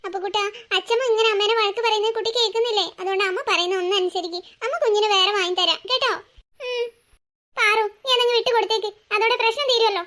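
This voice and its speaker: A woman voicing a gentle, patient young mother in a cartoon story, soothing and coaxing her children. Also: very high-pitched, steady tone, quick pace. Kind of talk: cartoon voice acting.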